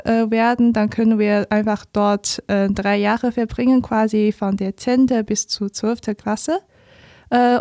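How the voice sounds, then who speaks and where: Chinese woman in her twenties, soft mellow voice. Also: a little high, no echo, studio quality. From China. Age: 20s. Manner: careful, many fillers. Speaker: guest. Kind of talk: interview. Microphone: studio mic.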